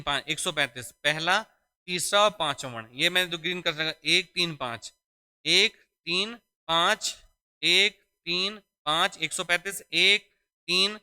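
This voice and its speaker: Bright, crisp-voiced male Hindi teacher. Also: high voice. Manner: repetitive, drilling phrases and quizzing students; addresses students as "beta". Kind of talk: exam-prep classroom lesson.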